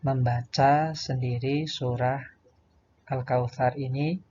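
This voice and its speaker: A man teaching young children to recite verses, chanting each line slowly and then explaining the pronunciation patiently. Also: medium pitch, fairly even intonation, darkish tone, lo-fi sound, a little hiss or hum. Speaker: primary school religion teacher. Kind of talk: slow recitation lesson for children.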